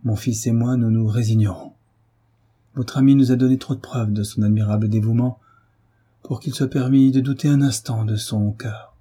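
A man's voice: lowish voice, moderate pace, hardly any pauses, mellow, husky. A man voicing an anguished young mother who pleads in a tearful, breaking voice, read as an audiobook. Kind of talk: audiobook reading.

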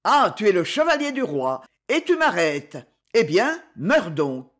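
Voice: mid-range voice, very animated, a little slow, a bit bright. A reader doing a sneering, haughty duke. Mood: panicked. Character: arrogant scornful nobleman duke, sneering.

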